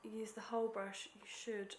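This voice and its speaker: A young woman beauty vlogger with a cold-stuffed nose chats her way through a makeup tutorial, self-deprecating and casual, sometimes sinking to near-whispers as she focuses. Her mid-range voice holds a fairly flat pitch at normal speed. The room is echoey, with a little hiss or hum on the recording.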